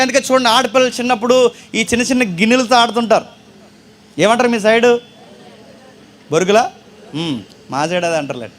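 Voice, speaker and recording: A man preaching to young people, telling stories and asking the audience questions, sometimes loud and sometimes low. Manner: storytelling, asks the audience questions, wide swings in loudness and pace.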